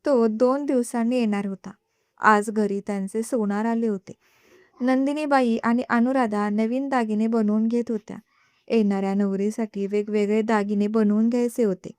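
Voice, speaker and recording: A woman's voice: on the high side, fairly even intonation, normal speed, a little mellow, clean tone, dry recording. A woman narrating a serial love story and reading every character's lines herself, with the dialogue a little livelier than the narration.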